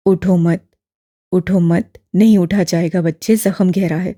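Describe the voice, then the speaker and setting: An elderly male imam, kind and unhurried, voiced by a woman reading an audiobook. He speaks in a steady, fatherly tone, low and dark with a husky edge, and sits close and dry on the mic. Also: no room sound. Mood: gentle. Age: older. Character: kindly elderly male mosque imam, calm and patient.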